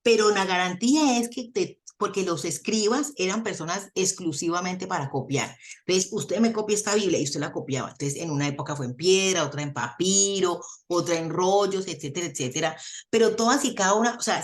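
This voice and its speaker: A woman with a Colombian accent, a theologian guest in a radio interview, explaining with animated stories and folksy sayings. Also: lowish voice, a little fast.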